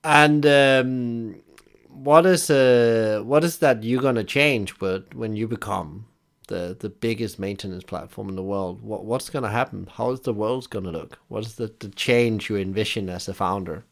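A Danish man with a fairly low voice hosts a business interview. He asks long, winding questions, often restarting and circling back with fillers. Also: normal speed, creaky. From Denmark. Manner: hesitant, many restarts and fillers.

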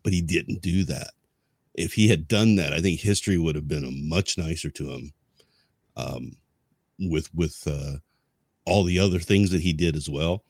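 A man with a notably low, slightly rough and somewhat mellow voice co-hosts a podcast, discussing history casually. His explanations come out halting and rambling, and the recording is close and dry with little room.

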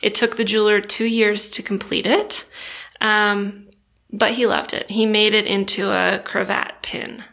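A woman co-hosting a podcast in casual chat, her voice hoarse, telling stories with a laugh. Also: medium pitch, little pitch movement, unhurried, sharp tone. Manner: laughing, chatty storytelling. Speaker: podcast co-host. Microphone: studio mic with pop filter.

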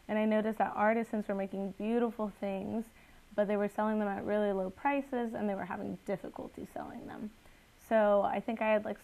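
Here a woman in her twenties, originally from Guatemala, talks as a guest entrepreneur in a podcast interview, earnest and chatty, with frequent fillers. Her mid-range voice is gravelly and a little mellow, captured in a low-quality recording.

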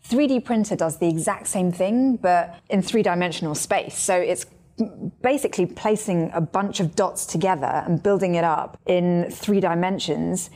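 A woman's voice: lowish voice, warm tone. Eager woman host explaining science. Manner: eager, explains things clearly. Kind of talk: conversational radio chat.

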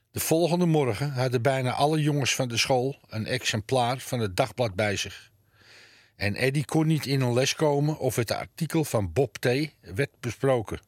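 Male narrator, scripted storybook reading, measured and even, middle pitch, dry close mic. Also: dry recording. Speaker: audiobook narrator.

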